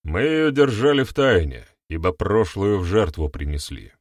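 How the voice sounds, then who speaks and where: A man's voice: low-pitched, expressive, moderate pace, dry recording, clean studio sound. A man voicing a gloomy, cold older male clan leader who speaks harshly.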